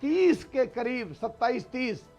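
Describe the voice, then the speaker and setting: A man's voice: extremely high pitch, animated, slow, a little mellow, soft background music. A man arguing insistently as a panelist in a heated TV debate, repeating words for emphasis. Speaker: political panelist.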